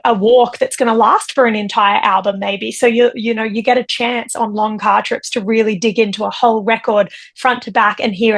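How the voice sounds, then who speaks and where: Young Australian woman, quick chatty guest on a video call, slightly high voice with vocal fry. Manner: fast, chatty, frequent ums. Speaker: musician guest. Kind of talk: casual interview chat.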